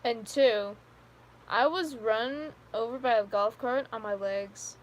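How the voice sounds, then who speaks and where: A fifteen-year-old girl with a fairly high voice takes her time chatting casually with live stream viewers. Her stories ramble, full of giggles, fillers, and plenty of "like."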